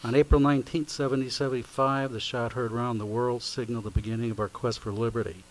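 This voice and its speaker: A man's voice: mid-range voice, fairly even intonation, a little hiss or hum, poor audio. Man praying solemnly at a lectern microphone. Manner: solemn, measured, recited. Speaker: invocation leader at a county meeting. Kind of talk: formal spoken prayer.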